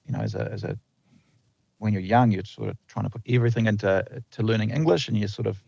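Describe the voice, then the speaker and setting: Born in the Netherlands, this lineman speaks with a slight New Zealand accent as a guest on a podcast, rambling through a casual interview with plenty of fillers and restarts. His voice is fairly low, creaky, and warm, and he talks fast. The recording is slightly lo-fi but has no echo.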